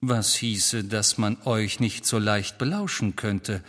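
A man voicing a wry, teasing grown man wizard who talks in an unhurried way, in a German audiobook. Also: fairly low pitch, steady tone, fairly bright tone, long reverb tail.

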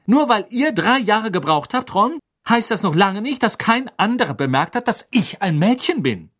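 A woman's voice: wildly swooping pitch, takes it slowly, full character voice. A reader voicing Hermine, a clever, bossy teenage girl who talks sharply. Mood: indignant. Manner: sharp, indignant, pitched high.

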